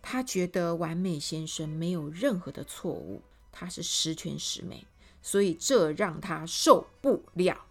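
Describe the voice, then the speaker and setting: A woman telling a storybook tale to children at a slow, unhurried pace. She talks to the little listeners directly, with lively, expressive delivery and playful asides. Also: lowish voice, faint music behind. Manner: animated, addressing children directly.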